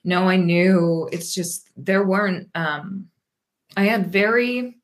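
This Pennsylvania woman in her thirties is being interviewed informally as a guest. She speaks slowly at a medium pitch, reflecting as she goes and often saying um or starting her sentences over.

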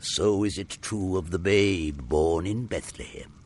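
An actor playing a jolly, commanding giant spirit of Christmas in a radio drama, declaiming heartily. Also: male voice, low-pitched, measured pace, a little mellow. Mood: solemn, admonishing.

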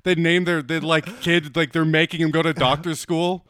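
A man co-hosting a comedy podcast who makes crude jokes and acts out quick character voices. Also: fairly high pitch, steady tone, fairly bright tone, dry recording, studio quality. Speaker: podcast co-host. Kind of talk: casual comedic chat.

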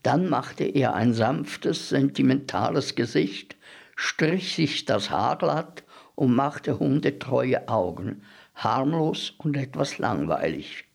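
A man giving a measured, expressive literary reading on the radio. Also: medium pitch, gravelly. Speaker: reader.

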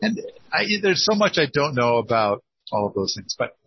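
Oregon-accent guy hosting a podcast, keeps restarting, husky, lo-fi sound. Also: mid-range voice, big pitch swings, moderate pace, no echo. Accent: northeastern Oregon. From northeastern Oregon, US. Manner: rambling, self-deprecating, many restarts, laughs a lot. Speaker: podcast host and permaculture consultant. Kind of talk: casual podcast consultation. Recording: dull lo-fi dry sound.

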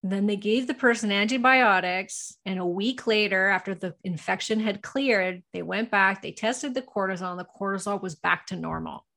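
A woman's voice: medium pitch, moderate pace, gravelly, hardly any pauses, pushed and bright. A woman guest on a podcast, telling her personal story candidly and casually. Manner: candid, personal storytelling with frequent "you know". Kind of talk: casual interview talk.

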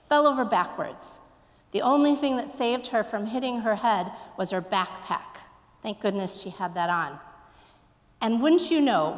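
Woman pastor, sermon, fairly high voice, slow reflective questions, long hall reverb.

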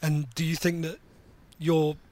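A man's voice: on the high side, monotone, a little slow, darkish tone. A man co-hosting a fight podcast, chatting with wry humor and stumbling over repeated words. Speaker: podcast co-host, MMA journalist. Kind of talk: casual post-fight recap chat.

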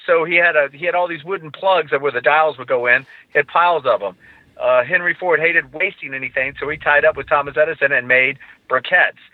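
A man with a fairly high voice explains things at length as a podcast guest, often stumbling over the first words of a sentence before he finds his way. He comes through a narrow, tinny line like a phone call. The sound is dry, with no room around it. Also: steady tone, a little fast, no room sound. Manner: explanatory, repeats words when starting sentences. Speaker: charcoal company representative.

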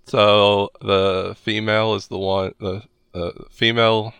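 A man narrating a tabletop game as game master in a halting, improvised way. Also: on the low side, flat delivery, gravelly, fairly bright tone, smooth, no room sound.

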